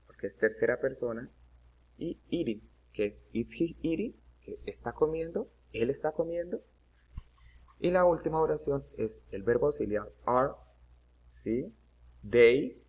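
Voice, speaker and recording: A man's voice: mid-range voice, darkish tone, slightly rough. A man teaching an English grammar lesson, explaining step by step and often checking "¿listo?".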